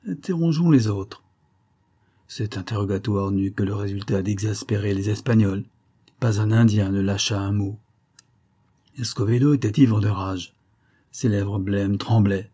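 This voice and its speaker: Guy reading an old adventure novel, dark mellow husky voice. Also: fairly low pitch. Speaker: narrator. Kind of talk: scripted audiobook narration.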